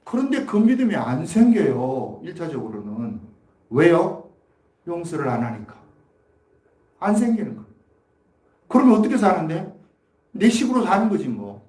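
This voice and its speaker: With big pitch swings in a dark voice on the high side, a pastor preaches a Sunday sermon at a moderate pace, pausing often. His folksy storytelling gives way to emphatic exhortation, all echoing around the church sanctuary.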